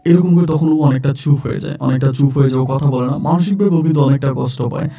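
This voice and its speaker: Young guy telling his own story slow, deep dark tone, sounds a bit far from the mic, soft music behind. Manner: slow, plain retelling with frequent restarts and fillers. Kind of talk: first-person true-story narration. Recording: distant mic with faint music.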